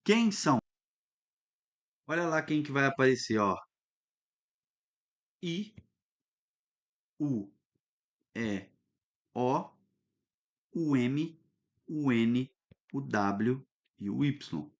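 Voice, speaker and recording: A man teaching a recorded lesson, lively and instructive, often stopping to check that students follow. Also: medium pitch, drawn-out words, long pauses, highs cut off. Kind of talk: recorded online lesson at a whiteboard.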